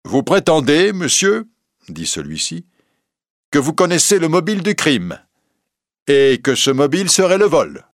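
Excitable investigating judge, loud exclaiming voice, performed by a man, dry sound. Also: fairly high pitch, a little slow, long pauses, no room sound, pitched above the performer's own voice. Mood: indignant. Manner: exclaiming, raised voice. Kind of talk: audiobook character reading.

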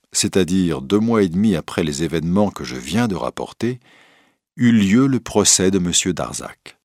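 A man narrating a novel chapter aloud in a measured storytelling manner. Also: sits low, no room sound, studio quality. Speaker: audiobook narrator. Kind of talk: scripted narration.

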